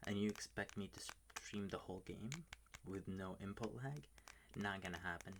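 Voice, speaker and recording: Low-voiced man, late-night whispered ASMR rant, swears freely, faint tapping noise behind. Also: steady tone, moderate pace, creaky. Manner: whispering, ranting, swears often. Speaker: ASMR video maker. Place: bedroom at home at night. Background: faint keyboard tapping and clicks.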